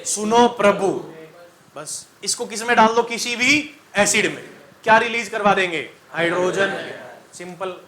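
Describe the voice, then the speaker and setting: A chemistry teacher, male and high-voiced with a bright sound, keeps his class energetic by firing questions for students to answer back and mixing in jokes and mnemonics he sings. His pace is measured.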